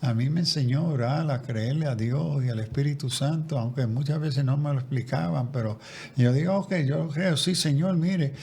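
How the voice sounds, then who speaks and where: The man, a guest theologian in a conversational interview, thinks out loud reflectively, often backing up to restart and repeat words. His mid-range voice is a little mellow and husky, at normal speed.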